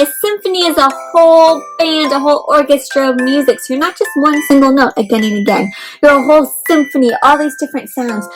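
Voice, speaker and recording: Reading aloud interactively to young children, a woman speaks expressively, poses questions to them, and keeps her explanations simple. Her voice sits high, and the audio quality is poor.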